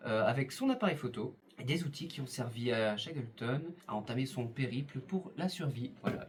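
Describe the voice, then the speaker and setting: A YouTube host unboxes Lego sets in a casual video, rambling, joking, tossing in mock-formal asides and hesitating a lot. His voice is medium-pitched, with slight background noise.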